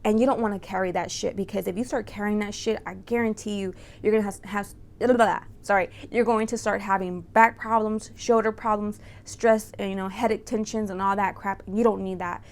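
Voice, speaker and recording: A woman's voice: medium pitch, steady tone, brisk, few pauses. A woman giving a casual, chatty tarot reading to viewers as host, speaking close to the microphone. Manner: informal, chatty, often checking in with "right?" and "you know". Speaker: tarot reader and channel host.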